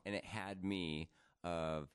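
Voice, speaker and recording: A man's voice: deep voice, fairly even intonation, slow pace, clean tone, no room sound. A man from northern Idaho, a little nasal, who enunciates carefully in casual chat. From northern Idaho, USA. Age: adult, married.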